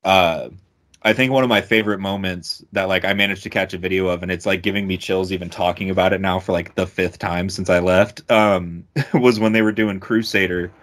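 A young man with a very low, deep voice talks in loose podcast chat. He gushes and curses freely, restarting sentences as he goes. His speech is full of fillers and quick bursts of enthusiasm. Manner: excitable, swears a lot, stumbles over words. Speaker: podcast co-host. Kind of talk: casual music podcast chat.

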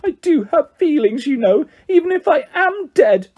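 A sulky, self-pitying teenage girl ghost from a storybook, acted out by a man. The pitch is high and swooping, with a choked, tearful wail. Every phrase is drawn out with melodrama. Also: very animated, a little slow, dark tone, breathy edge, highs cut off, exaggerated voice. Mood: tearful, wounded.

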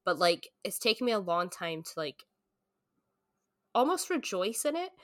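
With a mid-range voice that swings widely in pitch, a woman in her late twenties co-hosts a casual book-club podcast at normal speed, filling her talk with "like" and the odd mild curse. The sound is dry and studio quality.

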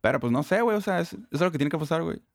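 A man's voice: a little high, lively intonation, rapid-fire, no room sound. Slangy young northern Mexican man, dry recording. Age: young adult. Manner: profane, heavy street slang. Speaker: interview guest. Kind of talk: casual slangy chat.

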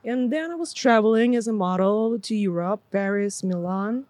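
A woman's voice: mid-range voice, moderate pace, a little mellow, no room sound. A woman in her thirties from Ukraine, a podcast guest who talks loosely, laughs often and swears freely. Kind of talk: casual podcast chat.

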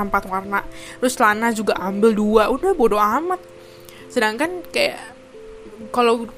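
Fast-talking young woman vlogging. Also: on the high side. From Indonesia. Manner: chatty, lots of fillers and English mixed in. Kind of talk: casual chat to camera.

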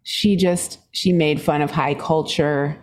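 Speaking slowly, a woman from Singapore recounts stories as a guest musician in a podcast interview. She laughs often and stays animated, her pitch springing up mid-sentence.

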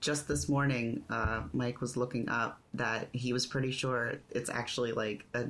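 A man's voice: medium pitch, level tone, normal speed, a bit bright. A man co-hosting a podcast in casual chat, rambling and correcting himself as he talks, laughing often. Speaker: podcast co-host.

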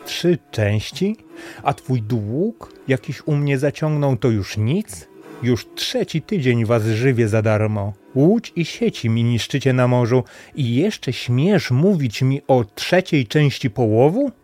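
A man's voice: mid-range voice, lively intonation, takes it slowly, mellow, soft background music. A man voicing a greedy, menacing rich boat owner who scolds harshly. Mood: angry, scolding.

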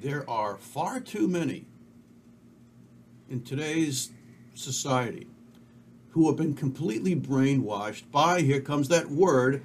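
A man's voice: a little high, expressive, takes it slowly, long pauses, a little hiss or hum. Rambling, opinionated middle-aged man. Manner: rambling, opinionated, self-assured. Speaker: podcast co-host. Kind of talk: casual chat.

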